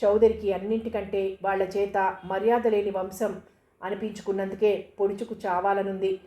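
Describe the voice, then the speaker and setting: A woman's voice: medium pitch, flat delivery, normal speed, dark tone, reverberant. A woman narrating a novel, acting out the characters' lines as she reads. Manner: voices the dialogue of the characters. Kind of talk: novel reading.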